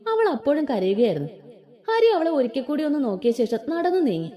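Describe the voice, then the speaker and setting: A woman narrates a romance story, giving each character in the dialogue a voice of their own. Her tone is mellow and warm, set fairly high, and her pitch rises and falls in a lively way from line to line. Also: a little fast.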